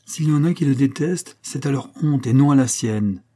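A timid young woman roused to fervent defence, as a man reading a storybook puts her on. Her lines come heated and reproachful, a little higher and louder. The voice keeps a mellow, husky grain. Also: a little fast, lightly acted. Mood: indignant. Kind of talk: audiobook character reading.

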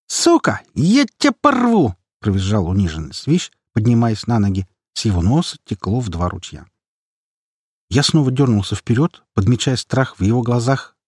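A male audiobook narrator tells a fast action story with a husky, lively voice. The recording is close and dry, with no room sound. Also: lowish voice, dry recording. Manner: vivid, dramatic storytelling.

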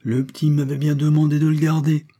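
A man's voice: a little high, flat delivery, a little fast, mellow, voice pushed up, close to an everyday voice. A man reading an audiobook, voicing a hesitant, embarrassed uncle.

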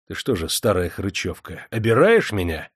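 A man voicing a hot-tempered nobleman who snaps and shouts. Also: sits low, very animated, normal speed, slightly rough, dry recording, studio quality, exaggerated voice. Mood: angry. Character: angry impatient nobleman heir.

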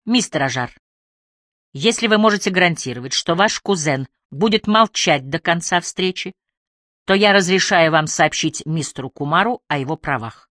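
A woman's voice: on the low side, lively intonation, moderate pace, fairly bright tone, no echo. A woman narrator voices a stern female police inspector with little patience. She speaks in curt, cold commands. The sound is dry and close. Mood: grudging.

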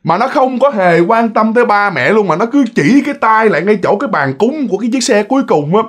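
A man's voice: high voice, fast talker. A man telling a ghost story in a chatty style, talking straight to his listeners. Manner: chatty, addresses listeners directly, lively. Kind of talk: casual spoken storytelling.

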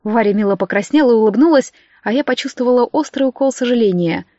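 A woman reads a story aloud with a fairly high voice, lifting her tone for each character in the dialogue. The recording is dry and a little muffled. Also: expressive, quick pace, warm tone, no echo. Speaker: audiobook narrator. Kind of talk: audiobook reading with character voices.

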